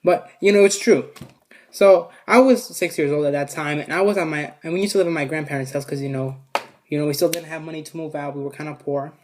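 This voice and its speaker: A vlogger telling a story to a camera in a casual, rambling way, swearing often and filling pauses with "you know" and "like". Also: mid-range voice, fairly even intonation, a little mellow, slight background noise. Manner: rambling, profane, many fillers. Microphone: camera set up in front of them.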